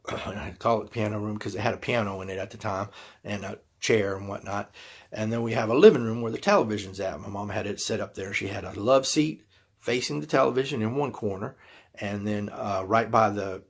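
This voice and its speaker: Guy rambling through a story on his channel, gravelly and kinda husky. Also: lowish voice, brisk. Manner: folksy, rambling, retells his own quoted reactions. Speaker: YouTube channel host. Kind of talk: casual storytelling to camera.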